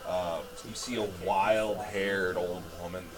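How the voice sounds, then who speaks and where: A man's voice: low voice, steady tone, slow pace, crowd noise. A man running a tabletop fantasy game as game master, improvising narration of scenes and asking players for their turns. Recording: music playing behind the voice.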